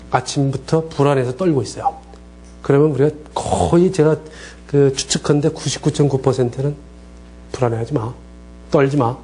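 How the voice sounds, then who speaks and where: A man's voice: medium pitch, slight background noise. A middle-aged man teaching a counseling class, asking the class questions and acting out short quoted lines. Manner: lively, acts out quoted dialogue, asks the class questions. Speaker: counseling lecturer. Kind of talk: lecture.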